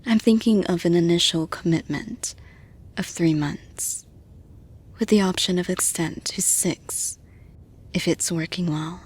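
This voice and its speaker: Here a woman takes on the role of a steady, encouraging female boss in intimate roleplay audio, talking to the listener with soft, measured reassurance. Her lowish voice carries a slight roughness, and she comes across as calm and comforting.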